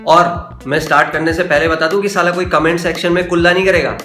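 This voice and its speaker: A man's voice: fairly high pitch, fairly even intonation, fast talker, roomy sound, heavy background noise. A young man hosting a comedy roast with crude, sarcastic ranting. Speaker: host.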